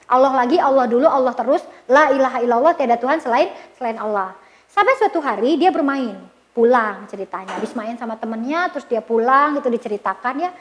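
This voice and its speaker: High-voiced chatty teacher. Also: female voice, brisk. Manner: animated, chatty, many fillers and tag questions. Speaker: kindergarten founder and teacher. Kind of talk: parenting seminar talk with storytelling.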